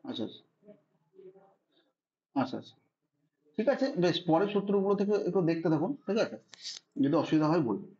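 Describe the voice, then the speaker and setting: A man's voice: a little high, big pitch swings, fairly quick, pauses often, dark tone, dull audio. A man teaching a Sanskrit grammar lesson online, patiently spelling out rules and often checking that students follow. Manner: patient, repeats "ঠিক আছে" to check understanding.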